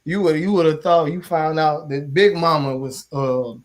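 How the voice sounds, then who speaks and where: St guy, organizer, cussing and animated, kinda higher voice. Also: normal speed. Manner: animated, swearing storyteller. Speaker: community organizer. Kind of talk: casual chat.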